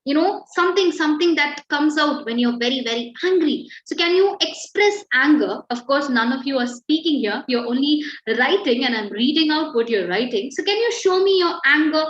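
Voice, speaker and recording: High and animated, her voice runs at normal speed with hardly any pauses, over slight background noise. The young woman teaches writing online, walking through examples patiently with fillers and plenty of encouragement, on echoey, slightly dull call audio.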